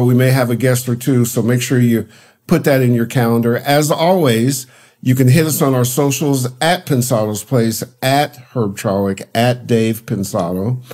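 A man with a Southern US accent hosting an interview show, upbeat and brisk. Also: mid-range voice, darkish tone. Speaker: show host.

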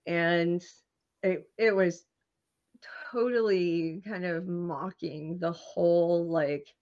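A woman guest in an interview, telling animated stories about her career and laughing often. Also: on the low side, takes it slowly, highs cut off. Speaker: screenwriter and marketing guest. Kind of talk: interview storytelling.

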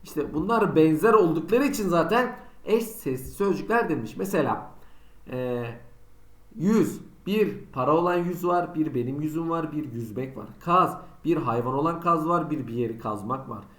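A man's voice: on the high side, expressive, moderate pace, roomy sound. A man teaching a school lesson online, asking himself students' questions and answering them in a chatty, teasing way. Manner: conversational, teasing examples. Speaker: Turkish teacher.

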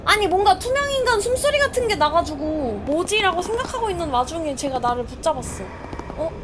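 Woman game streamer, very high and lively voice, jumpy and shrieky, with game noise behind; casual live commentary. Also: fairly quick. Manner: jumpy, shrieks and exclaims when startled.

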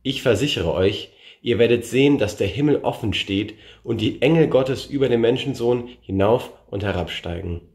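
A man reading a Bible passage aloud in a measured way, lifting his voice for the quoted speakers. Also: medium pitch, darkish tone, echoey room. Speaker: scripture reader.

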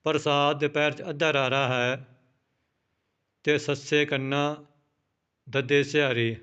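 A man teaches scripture pronunciation at a very slow, patient pace. His voice is smooth and clear, and he spells each word out letter by letter before saying it again. The recording sounds a little dull and lo-fi. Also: on the high side, little pitch movement, fairly bright tone. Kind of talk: slow, careful recitation lesson.

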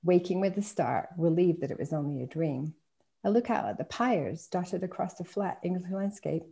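A woman author reading her first-person story aloud, measured and descriptive. Her low voice is dark and mellow, with a gravelly creak. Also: expressive.

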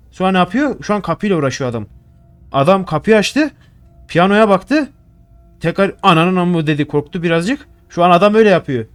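A young man talks through a horror game in a casual, nervous rush. His voice sits a little high, and he keeps swearing and greeting the things he picks up. Faint game music plays under him. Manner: jumpy, swears a lot, talks to objects in the game. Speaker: gaming YouTuber. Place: home room.

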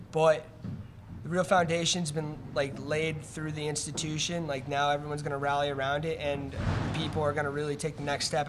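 A man's voice: on the high side, noisy background. A young man, a college lacrosse player, speaking casually with many fillers into a table microphone at a postgame press conference. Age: young adult. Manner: casual, fills with "like". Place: press room in front of a curtain. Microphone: table mic on a stand.

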